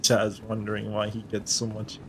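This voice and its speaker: Low-voiced man with hissy voice chat. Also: monotone, moderate pace. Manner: short reactive replies and chuckles. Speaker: co-op gaming partner. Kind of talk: casual gaming chat.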